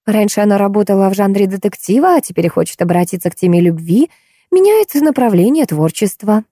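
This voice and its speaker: A tired middle-aged woman, patient but worn thin, talking a hothead down in a slightly raised voice, as a woman reads her in an audiobook. The tone is warm and mellow, and the recording is close and dry. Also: mid-range voice, expressive, a little fast, no room sound, pitched above the performer's own voice, lightly acted. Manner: patient, then exasperated.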